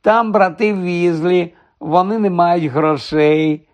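A spoiled schoolboy bully sneers and drawls his taunts, as a man puts him on in an audiobook. The voice sits noticeably higher than an ordinary man's and stretches the words out slowly, with a mocking edge. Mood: taunting. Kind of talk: audiobook character voice.

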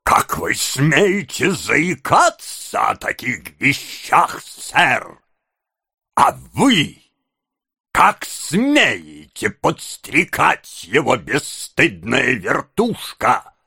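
A man's voice: medium pitch, huge pitch swings, very slow, vocal fry, bright, forceful tone, slightly rough, no echo, studio quality, full character voice. A man voicing a pompous, stern male parish beadle who blusters with indignation in an audiobook. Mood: indignant. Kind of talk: audiobook character voice.

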